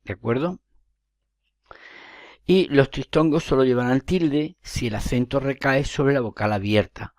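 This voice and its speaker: A man's voice: medium pitch, unhurried, long pauses, dry recording, studio quality. A man teaching a grammar lesson, explaining step by step, correcting himself and checking in with his listeners.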